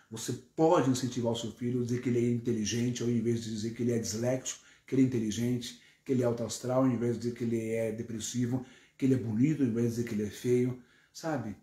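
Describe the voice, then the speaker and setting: Brazilian guy preaching, punchy, piles up lists, mid-pitched voice, echoey room. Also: fairly even intonation, fast, warm tone. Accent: Brazilian Portuguese. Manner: emphatic, builds long repetitive lists. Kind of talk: sermon.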